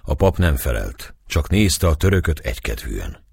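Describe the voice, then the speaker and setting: A man reading a novel aloud as narrator in measured storytelling, husky voice. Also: extremely low pitch, big pitch swings, a little mellow, dry recording, clean studio sound. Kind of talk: audiobook narration.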